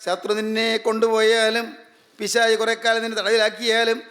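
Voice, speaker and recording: A man's voice: high voice, monotone, moderate pace, fairly bright tone. A man preaching a sermon, emphatic and repeating his phrases.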